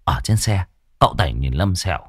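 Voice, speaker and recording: A male storyteller reads in a lively, animated way, his pitch rising and falling a great deal. His voice sounds dry and close to the mic, with no room echo. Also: brisk, breathy edge. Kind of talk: scripted horror story narration.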